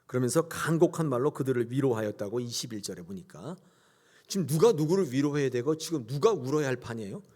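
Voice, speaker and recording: Male pastor, sermon, emphatic preaching, call-and-repeat with congregation, middle pitch. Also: expressive, quick pace, darkish tone. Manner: acts out biblical characters in quoted voices.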